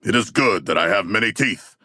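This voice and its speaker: Big husky shark-man warrior for a game, talks stiff and formal, earnest and boastful, savagely cheerful, super dry recording. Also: on the low side, expressive, fairly quick, bright, forceful tone, no echo. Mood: solemn, proud. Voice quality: gravelly, husky. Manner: formal, stilted, grandiose declarations without contractions. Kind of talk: video game character voice lines.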